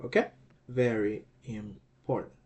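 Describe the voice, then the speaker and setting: A man walks through a recorded language lesson at an unhurried, deliberate pace. He is patient and repetitive, checking in with "okay" as he explains each point. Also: on the low side, steady tone, darkish tone. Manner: patient, repeats words, says "okay" a lot. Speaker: teacher.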